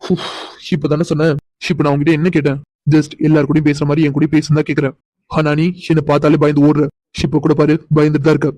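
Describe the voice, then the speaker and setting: A man's voice: fairly high pitch, monotone, quick pace, warm tone, dry recording, lightly acted, poor audio. A man voicing an insistent, doting young man in a cartoon, coaxing and pressing for answers. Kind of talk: cartoon voice acting.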